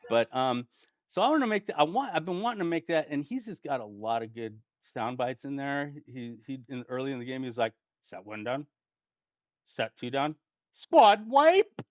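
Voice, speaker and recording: A man's voice: medium pitch, animated, brisk, dry recording. Man rambling through a gaming story, lo-fi. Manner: rambling, restarts often, chuckles while telling. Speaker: gaming channel host. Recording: dull lo-fi dry home mic.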